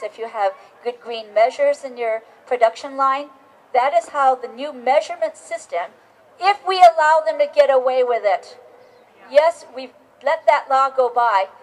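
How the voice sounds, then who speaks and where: A woman's voice: high-pitched, rough recording. A middle-aged woman giving an emphatic political speech outdoors at a rally, often restarting her sentences. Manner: emphatic, insistent, with many restarts. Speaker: rally speaker. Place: outdoors on capitol steps.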